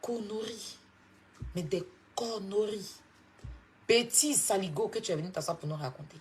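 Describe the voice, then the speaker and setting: A woman's voice: medium pitch, normal speed, slight background noise. A woman from Côte d'Ivoire with an Ivorian French accent, scolding and mocking someone in a heated live-stream rant, repeating her points with insistence. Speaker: social media personality.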